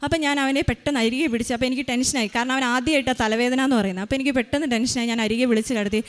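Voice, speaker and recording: A woman's voice: on the high side, steady tone, rapid-fire. A mother giving an emotional personal faith testimony, retelling events tensely with many restarts.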